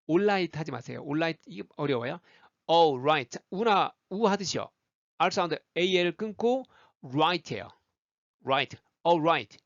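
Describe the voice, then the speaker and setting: A man teaching English pronunciation, slowly drilling word lists and coaching listeners to repeat after him. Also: a little high, no echo. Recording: dry, dull lo-fi sound.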